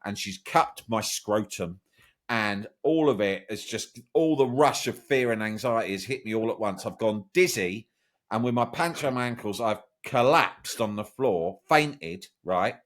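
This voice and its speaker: A man, a podcast guest, telling a lively personal story in a casual, animated way. He swears freely and often tags his sentences with "right?". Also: fairly low pitch, a little slow. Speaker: podcast guest, journalist and broadcaster.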